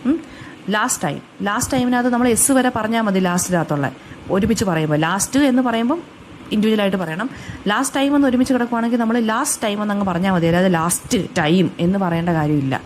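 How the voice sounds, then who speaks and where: A woman with a Kerala accent explaining English phonetics for exam notes, stopping often with fillers and saying English example phrases slowly. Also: medium pitch, lively intonation, slight background noise. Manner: frequent fillers and self-restarts. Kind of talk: exam-notes lecture in Malayalam.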